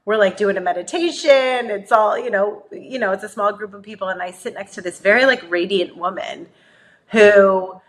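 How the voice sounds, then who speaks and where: A woman in her thirties, a podcast co-host, telling a story in casual chat, animated, laughing often and acting out the voices of the people she quotes. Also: mid-range voice, moderate pace.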